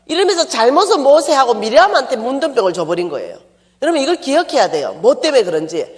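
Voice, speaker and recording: An emphatic preacher delivering a sermon, whose pitch swings widely up and down. They keep putting questions to the congregation and burst into raised voices to act out the quoted lines. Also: sing-song, fast. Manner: acts out quoted dialogue in a raised voice.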